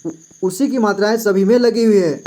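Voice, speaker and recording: A man's voice: high voice, brisk, mellow. A male teacher giving a patient, explanatory lesson who repeats each syllable several times and checks in with the listener often. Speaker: Hindi teacher.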